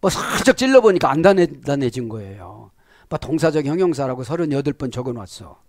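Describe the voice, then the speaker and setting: A male pastor preaching a sermon on biblical Greek grammar in a lively, animated way, often checking in with his listeners and acting out voices in little scenes. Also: mid-range voice, brisk, no echo, clean studio sound. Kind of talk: sermon, Bible word study.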